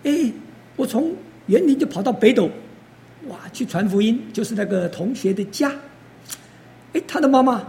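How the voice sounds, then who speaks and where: Older preacher, mellow voice, storytelling sermon w/ lots of interjections. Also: mid-range voice, expressive, moderate pace, creaky, pauses often. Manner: storytelling, full of interjections and acted quotes. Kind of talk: testimony sermon.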